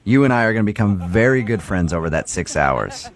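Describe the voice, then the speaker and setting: Deadpan man pranking by phone. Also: fairly low pitch, brisk. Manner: deadpan, sly, stifling laughs. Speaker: radio prank caller. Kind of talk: prank phone call posing as a doctor.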